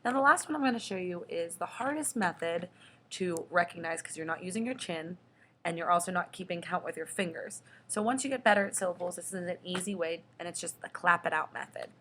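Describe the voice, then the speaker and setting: Woman, young adult, teacher, lower voice, patient children's lesson, faint room hum. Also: a bit bright. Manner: slow and patient, drawing out the example words. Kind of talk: children's lesson explaining syllables.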